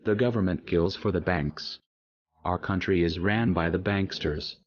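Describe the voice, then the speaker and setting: An anonymous man narrating a scripted message in a disguised, pitched-down deep voice, with a grave, declaring tone, on a dull lo-fi recording. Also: a little slow. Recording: dull lo-fi audio.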